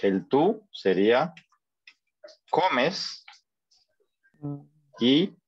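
This man's mid-range, husky voice is very animated yet very slow as he leads a Spanish lesson by video call. He stays patient and encouraging, frequently making sure students keep up, and the dry recording has a dull, lo-fi call quality.

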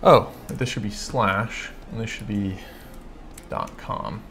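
A man from California hosting a casual live coding stream, chatting and thinking aloud, reading code out slowly with lots of fillers and self-corrections. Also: on the low side, big pitch swings, creaky, fairly bright tone, faint music behind. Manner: reads code aloud slowly while typing. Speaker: livestream host answering coding questions.

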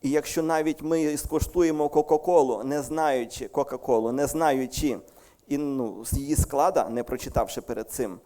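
A man's voice: medium pitch, moderate pace, mellow. A man with a Ukrainian accent preaching a sermon to his congregation in a church hall, talking conversationally, correcting himself and joking lightly. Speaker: pastor.

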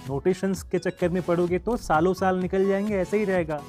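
A man's voice: sits high, fairly even intonation, brisk, darkish tone, soft background music. A man teaching a flute lesson in a casual, chatty way, singing the note names aloud as he goes. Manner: chatty and encouraging, sings the notes aloud. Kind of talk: casual online music lesson.

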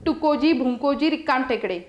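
A woman's voice: sits high, animated, moderate pace, echoey room, dull audio. A woman doing a teasing, cocky house cat. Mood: taunting.

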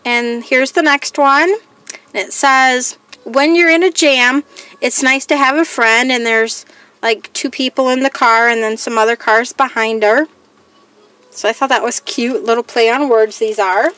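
A woman's voice: a little high, steady tone, measured pace, sharp tone. A woman crafting vlogger chatting casually through a haul, reading each item aloud in a plain, listing way. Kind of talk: casual haul show-and-tell.

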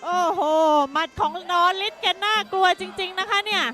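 A woman giving excited, conversational boxing commentary as a co-commentator. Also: very high voice, normal speed, soft background music.

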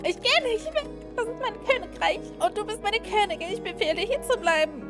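A woman voicing a shrill, desperate young princess. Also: lively intonation, a little fast, over music. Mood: desperate, pleading. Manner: high, pleading and tearful.

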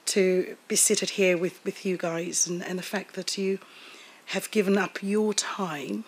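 A woman's voice: lowish voice, fairly even intonation, a little slow, breathy edge, low-quality recording. A woman from Africa, giving a workshop talk in a seminar room at a desk mic, thoughtful with frequent fillers and repeated words. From South Africa. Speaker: workshop presenter. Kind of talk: academic talk. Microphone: desk microphone.

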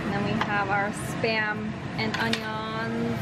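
A young woman vlogs into a handheld camera, talking slowly and easily with a slightly high voice. She is relaxed and giggly and drops in Korean words. There is clear noise behind her. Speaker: vlogger. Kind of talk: casual vlog chat. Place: car, then small apartment kitchen. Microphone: handheld camera close to face. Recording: noisy handheld camera audio.

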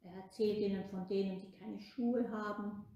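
A woman telling a children's story in a lively, expressive way. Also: medium pitch, moderate pace. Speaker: religion teacher storyteller. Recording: echoey room.

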